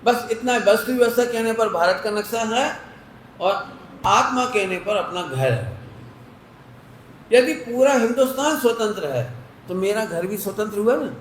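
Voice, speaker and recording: A man's voice: sits high, echoey room, a little hiss or hum, low-quality recording. A man giving a religious discourse, explaining with homely everyday examples and asking listeners whether they follow. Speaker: Jain preacher.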